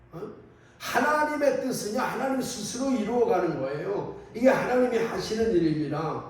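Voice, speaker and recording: A priest gives a sermon in a relaxed, storytelling manner and often puts questions to the congregation. His voice is high for a man. He is picked up from a distance in a church with heavy echo. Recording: echoey church from a distant mic.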